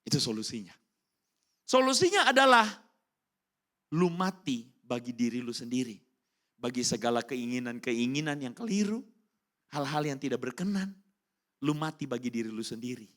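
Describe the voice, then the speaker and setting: A man preaching a casual youth sermon in speech, slangy and animated, keeping up a run of rhetorical questions to the congregation. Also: medium pitch, normal speed, long pauses. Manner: animated, keeps asking the crowd rhetorical questions; slangy and informal, breaks into English phrases. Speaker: youth pastor. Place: church hall during a service.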